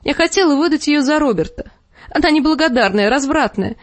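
A shrill, high-pitched noblewoman, as a woman reader puts her on, screeching her jealousy through tears. Her voice sits high and sounds dry and close, with no room around it. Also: lively intonation, a little fast, no echo. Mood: shrill hysterical.

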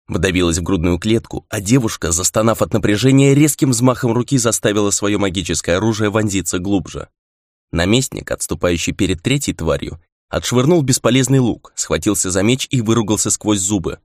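Guy reading an action-packed fantasy book, deep-ish voice, dry mic. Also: brisk, no room sound. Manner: lively reading, raises voice for shouted lines. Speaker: audiobook narrator. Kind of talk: scripted narration.

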